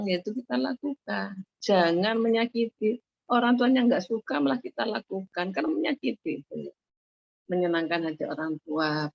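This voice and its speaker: A woman's voice: mid-range voice, gravelly. A woman giving an online sermon as a religious teacher, explaining her points patiently and rephrasing them often. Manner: explanatory, repeats and rephrases points, frequent fillers. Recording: dull muffled lo-fi audio.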